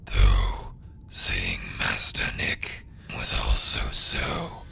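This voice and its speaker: Deep, slithering butler creature. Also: male voice, huge pitch swings, extremely slow, vocal fry, bright, forceful tone, slight background noise, exaggerated voice. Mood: sinister welcome. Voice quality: deep, wet, slithering whisper. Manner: stiff old-fashioned formality. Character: deformed old male butler creature, formal and menacing.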